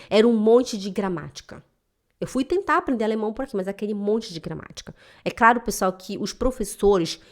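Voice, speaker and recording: A woman, a German teacher who speaks emotionally and emphatically straight to her viewers in a motivational vlog. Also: medium pitch. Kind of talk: direct-to-camera motivational vlog. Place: home in Switzerland.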